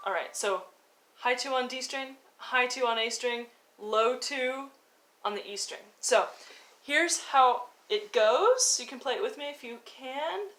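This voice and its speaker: A high, lively voice at a measured pace, a bit bright, with slight background noise: a woman teaching violin. She talks and demonstrates in an instructional lesson, explaining and counting out fingerings with informal encouragement.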